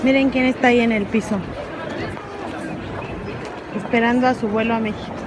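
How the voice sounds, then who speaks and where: A woman's voice: a little high, steady tone, normal speed, background noise. A woman, chatty and teasing, filming on a handheld phone. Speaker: vlogger. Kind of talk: casual travel vlog. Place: cafe, airport and airplane cabin. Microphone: handheld phone camera. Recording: loud music and crowd behind.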